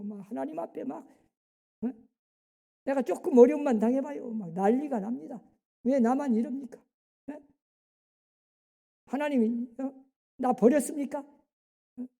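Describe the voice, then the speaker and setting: A woman pastor preaching a sermon, driving her points home with rhetorical questions and quick interjections to the congregation. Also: fairly high pitch, dark tone. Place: church sanctuary. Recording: long hall reverb in a church.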